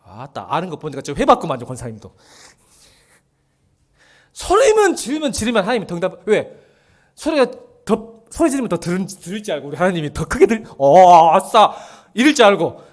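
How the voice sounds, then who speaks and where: Lively high-voiced pastor, jokes around with the congregation, suddenly yells, twang here and there. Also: male voice, fairly quick. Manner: animated, joking with the congregation, bursts into shouting. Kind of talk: sermon. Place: church sanctuary.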